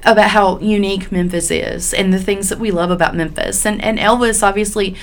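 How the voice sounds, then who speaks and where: A woman with a mid-pitched voice co-hosts a casual podcast. She talks in a chatty, folksy way and sounds slightly under the weather, as if she has a cold. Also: steady tone, fairly quick. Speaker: podcast host.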